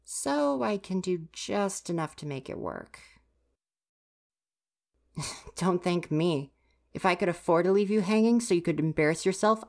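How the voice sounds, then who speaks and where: With a darkish tone to her low voice, the woman playing the grumpy university-age stagehand talks directly to the listener in ASMR roleplay. Her mood is grudgingly helpful, though she still sounds huffy, exasperated, easily flustered and full of sighing reproach.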